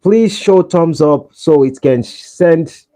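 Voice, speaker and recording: Chatting casually on a livestream, this host from Nigeria begs his audience for likes in a Nigerian accent. He speaks slowly in a slightly high, warm voice, heard through dull lo-fi livestream audio.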